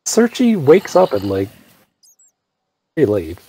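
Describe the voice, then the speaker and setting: A man in casual gaming banter on voice chat, teasing bluntly and deadpan. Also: medium pitch, slow, a loud crowd, rough recording.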